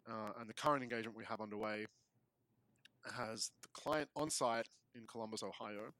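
An Australian man talking as a podcast guest in casual chat, quick and often restarting phrases as he explains. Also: lowish voice, steady tone, bright, forceful tone, no room sound, low-quality recording.

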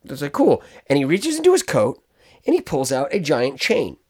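Here a man speaks at an ordinary pace, his voice slightly high with a breathy edge. It's casual podcast chat: he spins a long, animated tale, wandering off track and interrupting himself with asides.

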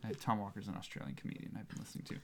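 A man's voice: lowish voice, expressive, very fast, fairly bright tone. A man co-hosting a podcast, easygoing and agreeable, often laughing as he chats. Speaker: podcast co-host. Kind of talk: casual chat.

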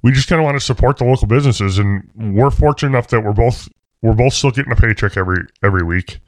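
A man co-hosting a casual podcast from home, chatting in a relaxed way. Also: medium pitch, quick pace, dry recording. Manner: relaxed, talks while eating. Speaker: podcast co-host. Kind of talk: casual chat. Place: at home, by the computer.

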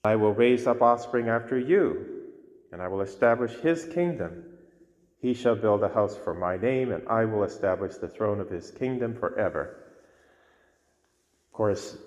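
Man preaching in a cathedral-like echo. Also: fairly low pitch. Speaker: priest reading the Gospel and preaching. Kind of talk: liturgical scripture reading and homily. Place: large reverberant church interior. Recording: long cathedral-like echo, reverberant church.

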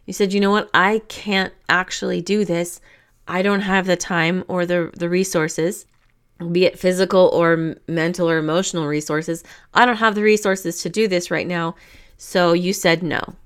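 A woman's voice: medium pitch, smooth. A woman hosting a motivational talk, speaking casually and encouragingly, repeating her points with everyday fillers. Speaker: podcast host.

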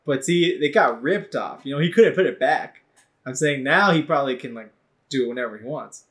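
A man's voice: mid-range voice, animated, fairly quick, a bit bright. A man co-hosting a casual podcast, laughing often and swearing freely as he talks. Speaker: podcast co-host. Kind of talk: casual chat.

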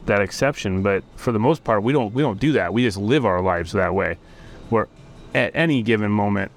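A man's voice: fairly low pitch, expressive, brisk, creaky. A man who is a chiropractor guest, speaking plainly in a casual chat on an outdoor patio.

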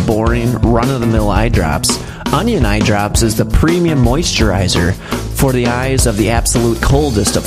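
Male announcer, medium pitch, deadpan parody ad script, music behind. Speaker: commercial announcer.

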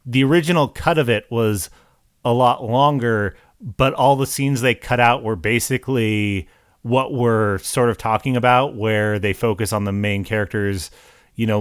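A man co-hosting a casual film discussion, recapping plot points in a laid-back way that often trails off quietly. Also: fairly low pitch, a little slow, smooth, no room sound, studio quality. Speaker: podcast co-host.

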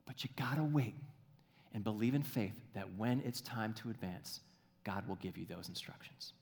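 A male pastor preaching a sermon in a church, animated and acting out little voices, then dropping to a soft, hushed delivery. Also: on the low side, moderate pace, creaky. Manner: animated, acts out quoted voices.

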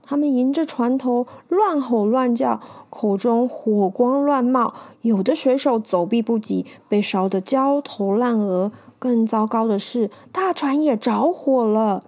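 A woman narrating a storybook tale in a lively, animated read-aloud voice, with small fillers. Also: fairly high pitch, unhurried, hardly any pauses.

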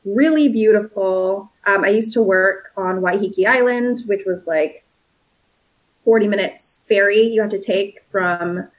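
A woman's voice: mid-range voice, unhurried, low-quality recording. Chatty upbeat woman in her late twenties. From South Africa. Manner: chatty and upbeat, lots of "like" and "um", laughs easily. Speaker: interview guest, winemaker. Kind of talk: casual conversational interview.

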